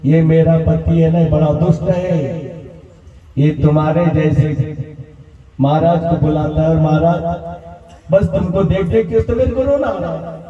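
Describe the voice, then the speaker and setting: A man's voice: on the high side, fairly even intonation, unhurried, long pauses, close to an everyday voice. A cunning village wife wails and teases in a raised, mock-tearful voice, as a male storyteller puts her on. Her sly manner rides over an echoing hall. The recording is distant and dull. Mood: mock weeping. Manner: wailing, mock-tearful, teasing.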